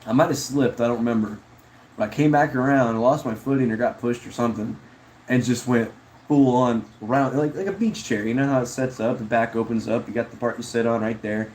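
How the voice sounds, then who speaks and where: Chill guy streaming, rambling to chat, says bro and dude a lot, mellow dark voice, faint hiss behind. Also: mid-range voice, a little fast, rough recording. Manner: rambling, laid-back, peppered with "bro" and "dude". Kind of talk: casual livestream chat, answering viewer comments.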